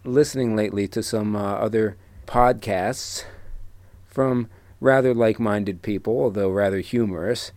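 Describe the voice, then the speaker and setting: An older man hosting a solo radio podcast, lecturing slowly and deliberately, then reading his own article aloud. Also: on the low side, darkish tone, no room sound. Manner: slow, deliberate lecturing delivery.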